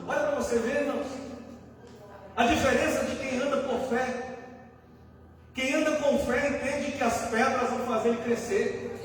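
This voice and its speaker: A Brazilian man preaching a fervent sermon to a church, asking the crowd questions and answering them himself. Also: very high-pitched. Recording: echoey hall from a far-off mic.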